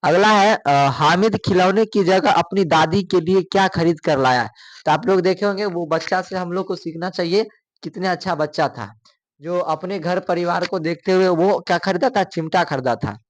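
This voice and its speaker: A man teaching, his voice pitched a little high. He reads out multiple-choice questions, repeats them and prompts students to answer. The sound is close and dry. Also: moderate pace, dry recording. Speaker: exam coaching teacher. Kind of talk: exam question walkthrough.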